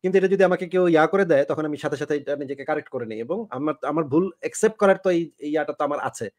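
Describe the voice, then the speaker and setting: A man hosting a live online discussion talks quickly, in a slightly higher voice than most men. He explains his points at length and often ends with rhetorical questions.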